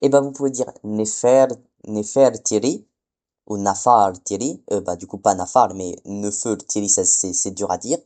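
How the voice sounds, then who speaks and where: A man's voice: on the low side, moderate pace, few pauses, warm tone. A man giving a casual spoken lesson, hesitant, often stumbling and correcting himself. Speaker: teacher.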